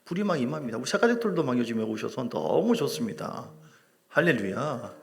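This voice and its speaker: A middle-aged man preaching a sermon as a pastor in a church, lively and joking with his congregation. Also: medium pitch, brisk, creaky. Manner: animated preaching with humor, asides to the congregation. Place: church sanctuary.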